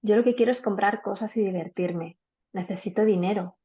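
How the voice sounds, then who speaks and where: A boy who has grown into a tired old man speaks plainly in a storybook, as a woman reads him. Her tone is mellow. The sound is dull, as on a video call. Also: mid-range voice, a little fast, lightly acted. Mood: weary.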